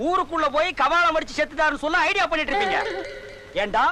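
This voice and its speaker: An actor playing a loud, scornful middle-aged village sorcerer-priest in a film comedy, scolding and insulting. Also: male voice, very high voice, fast, a little hiss or hum, exaggerated voice. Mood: ranting. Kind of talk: 1990s film comedy dialogue.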